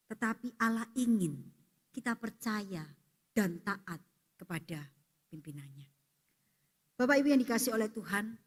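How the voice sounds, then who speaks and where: A woman pastor, preaching a sermon as a lively story told to the congregation. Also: on the high side. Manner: storytelling, lively, asks for assent with "ya". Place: church. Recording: long church-hall reverb.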